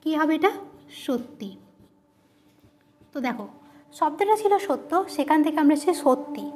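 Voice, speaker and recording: A woman's voice: high voice, animated, normal speed, a little mellow. A woman teacher giving a grammar lesson, who asks questions and answers them herself, repeating each key term.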